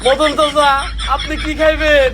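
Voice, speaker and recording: A squeaky scolding father. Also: level tone, unhurried, noisy background. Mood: pleading. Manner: yelling, cursing scolds. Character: short-tempered scolding father.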